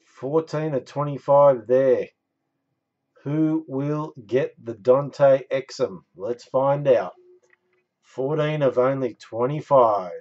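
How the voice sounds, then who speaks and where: A man's voice: medium pitch, slow, dull audio. A man in his thirties hosting a live card break, calling out numbers and winners with catchphrases like a bingo caller. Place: small indoor room stacked with boxes.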